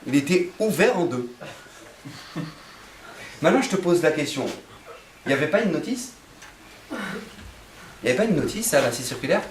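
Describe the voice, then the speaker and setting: A male rabbi giving a lively sermon that swings between shouting and quiet, heard from a distance in an echoey hall. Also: on the high side, normal speed, pauses often, a little hiss or hum. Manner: animated preaching, swinging between shouts and hushed tones.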